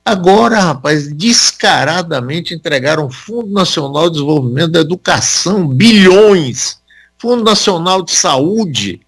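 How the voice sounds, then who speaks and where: A male interviewer asking questions in a radio interview, animated and exclamatory, often saying "rapaz". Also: fairly high pitch, a little slow, slightly rough, no room sound.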